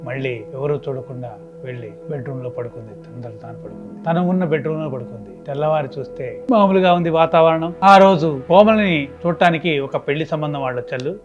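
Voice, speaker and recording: A man narrating a story dramatically, his loudness rising and falling. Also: fairly high pitch. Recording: dull lo-fi with music behind. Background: background music.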